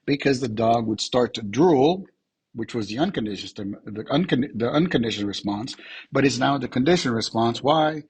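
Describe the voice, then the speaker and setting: A male teacher giving a casual lecture to his students, his voice husky as he is losing it, often asking "right?" to check that they follow. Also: medium pitch, lively intonation, moderate pace, a little mellow, no echo, low-quality recording. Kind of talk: classroom lecture.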